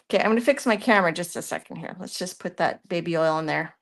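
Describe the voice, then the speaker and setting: A woman with a Canadian accent hosts a live art demonstration, speaking a little fast in a fairly low voice. She narrates her work as she goes and answers viewers' questions. Chatty and thinking aloud, she often trails off mid-sentence.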